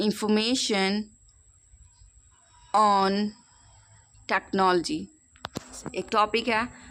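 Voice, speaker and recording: A young woman teaching English on a screen-recorded tutorial, mixing Hindi with English and reading English lines slowly aloud. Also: medium pitch, slight background noise. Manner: Hindi-English mix, slows down to read English aloud.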